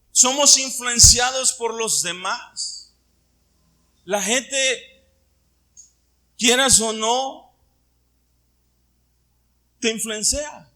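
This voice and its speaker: Preaching on a Sunday, this middle-aged man from Puerto Vallarta poses questions to the congregation in his local Mexican Spanish accent. He is a pastor, and his very high voice sounds pushed and bright.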